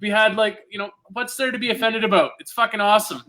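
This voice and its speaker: A fairly high-voiced man chats casually on a podcast, laughing often and swearing offhand. A crowd is clearly heard behind him. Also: fairly even intonation, fast. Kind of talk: casual chat.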